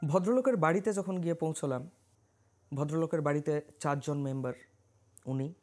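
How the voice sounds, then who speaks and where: A man from West Bengal, India, working as a paranormal investigator and astrologer, telling a true ghost story in a measured, dramatic monologue that mixes in English words. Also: fairly high pitch, darkish tone.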